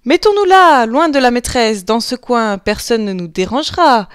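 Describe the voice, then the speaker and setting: A woman's voice: on the high side, moderate pace, clear, resonant tone, no echo, studio quality, natural voice. A woman voicing a sly, scheming male fox who sweet-talks and coaxes in a children's storybook reading. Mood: coaxing. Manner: honeyed, coaxing, bright and excited. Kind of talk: storybook voice acting.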